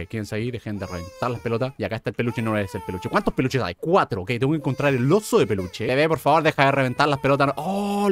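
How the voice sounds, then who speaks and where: A young man hosting a gaming video, joking and talking back to a horror game as he plays. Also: medium pitch. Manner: excitable, jokey, talks to the game. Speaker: gamer host.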